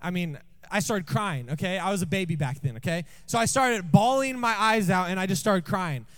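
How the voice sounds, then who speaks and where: A man with a rather high voice preaches in a church, telling a personal story. His delivery is jokey and conversational, and he keeps throwing questions out to the congregation. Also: lively intonation, moderate pace. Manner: jokey, asks the room questions often.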